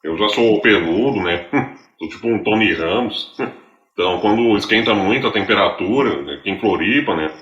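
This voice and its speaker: A man in his forties from southern Brazil, a podcast guest talking in a relaxed, joking way and often ending phrases with a tag question. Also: fairly low pitch, moderate pace, roomy sound, muffled recording. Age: 40s. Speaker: speaker and writer, podcast guest. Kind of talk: casual conversation.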